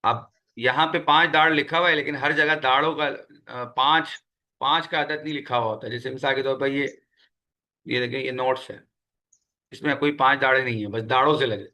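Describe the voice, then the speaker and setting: A man teaching a Quran recitation lesson, patiently repeating key sounds and words slowly for his students. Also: medium pitch, steady tone, sharp tone. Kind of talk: spoken tajweed lesson.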